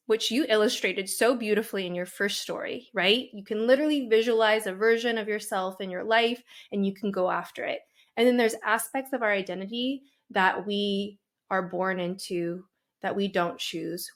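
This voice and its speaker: A podcast host with a medium-pitched voice conducts a heartfelt interview, speaking earnestly and emphatically. She slows down to stress key words and frequently says "um" and checks in with "right?".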